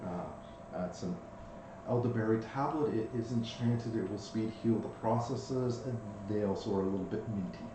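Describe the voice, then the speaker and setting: A man's voice: fairly low pitch, moderate pace, natural voice. A man voicing a matter-of-fact female checkpoint medic giving procedural instructions in a tabletop game. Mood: businesslike. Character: businesslike female checkpoint medic dispensing fey remedies. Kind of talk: in-character tabletop game role-play. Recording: very echoey room, faint noise.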